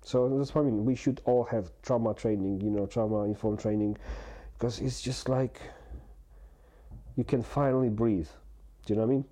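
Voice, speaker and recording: Halting, earnest man in his forties. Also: medium pitch, steady tone, dark tone. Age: 40s. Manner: halting, full of restarts and fillers; earnest and open. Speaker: guest. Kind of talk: candid personal conversation.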